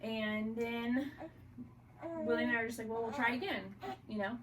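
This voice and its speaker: A young woman speaking candidly as a podcast guest, telling a personal story in a halting, casual way. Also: on the high side, level tone. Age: young adult. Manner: candid, halting, with many likes and restarts. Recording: distant mic with clear background noise.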